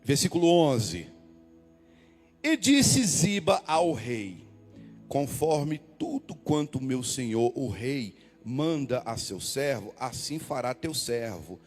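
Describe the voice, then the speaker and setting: Lively preaching man in an echoing hall. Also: mid-range voice, slow. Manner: expressive preaching, repeats words, swings from loud calls to hushed asides. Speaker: pastor. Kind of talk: sermon. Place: church hall. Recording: long hall reverb, faint music.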